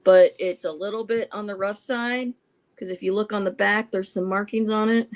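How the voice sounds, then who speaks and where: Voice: medium pitch, steady tone, moderate pace. A live stream host chatting in a rambling, casual way about a card collection. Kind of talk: casual chat.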